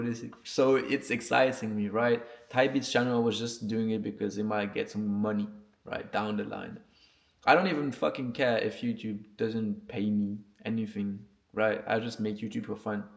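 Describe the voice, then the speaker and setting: A gravelly, lowish male voice belongs to a vlogger and music producer who isn't a native English speaker. Unscripted and casual on camera, he swears, uses slang, stays earnest and checks in a lot.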